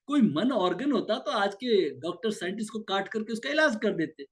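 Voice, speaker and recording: A man's voice: high voice, very animated, moderate pace. A male yoga teacher giving an explanatory lecture, asking himself questions and answering them, repeating key words for emphasis. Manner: asks and answers his own rhetorical questions.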